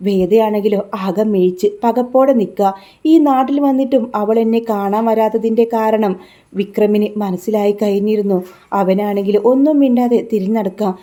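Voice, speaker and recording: Mellow-voiced woman retelling a serial. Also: medium pitch, fairly even intonation, moderate pace. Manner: retells scenes and reads characters' lines in her own voice, adding tag words. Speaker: serial recap narrator. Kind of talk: casual spoken story recap.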